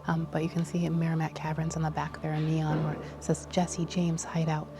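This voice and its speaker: A woman's voice: deep voice, completely flat delivery, brisk. A woman travel vlogger giving casual running commentary to her viewers as she looks around.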